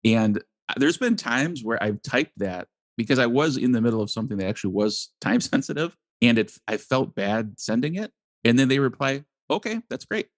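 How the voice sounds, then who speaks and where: A man co-hosting a casual podcast conversation, laughing often and acting out quotes in an animated way. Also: medium pitch, fairly quick, no room sound, studio quality. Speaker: podcast co-host.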